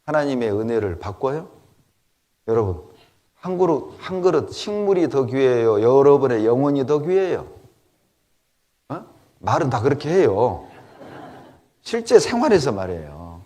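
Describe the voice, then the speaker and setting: A middle-aged man preaches with lively, swooping intonation, firing off repeated rhetorical questions to press each point. His voice sits at an ordinary male pitch and moves a great deal. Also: unhurried, pauses often. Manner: emphatic rhetorical questions and repetition. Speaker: pastor. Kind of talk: sermon.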